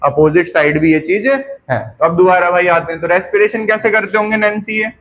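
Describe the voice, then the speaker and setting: A man's voice: high voice, a bit bright. A man teaching biology with a raised voice. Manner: drills students with repeated questions and answers; slows down to dictate notes. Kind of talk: classroom lecture. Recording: faint background noise.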